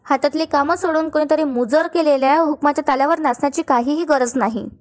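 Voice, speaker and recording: A firm, level-headed elder daughter-in-law, read by a woman in a high voice. She admonishes steadily and does not back down. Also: fairly quick, natural voice.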